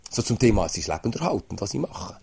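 A man's voice: lowish voice, very animated, fast, creaky, darkish tone, husky. A man gives an informal sermon to a small group, talking in a conversational way and often asking "oder?". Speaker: lay preacher.

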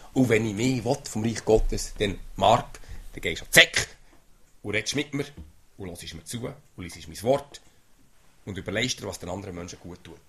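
Lay preacher, low husky voice, chatty small-group sermon. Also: male voice, pushed and bright. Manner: conversational, often asks "oder?".

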